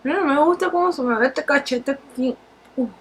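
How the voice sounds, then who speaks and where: A woman's voice: high voice, fast talker, fairly bright tone. A tipsy woman with a Spanish accent hosts a casual makeup tutorial, rambling in a giggly drunk way. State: tipsy from shots.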